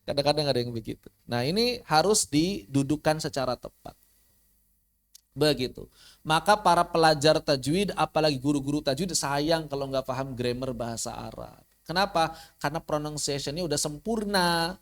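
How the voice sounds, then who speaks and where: An Indonesian man teaching tajwid and Arabic pronunciation in an online lecture, lively, sounding out words to show them. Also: a little high, moderate pace. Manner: animated, demonstrates pronunciations, mock-quotes students.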